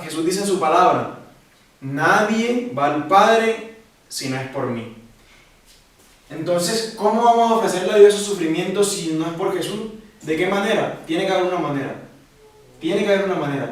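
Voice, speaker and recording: A man from Ecuador teaching a catechism lesson to young people, lively and asking questions that he answers himself. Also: high-pitched. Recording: echoey room, voice from a distance.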